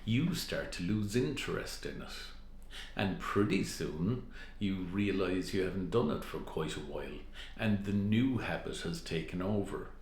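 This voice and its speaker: A man speaking as a hypnotherapist in a measured hypnotist manner, explaining things directly to listeners. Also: sits low, lively intonation, slight background noise. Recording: roomy, echoing sound.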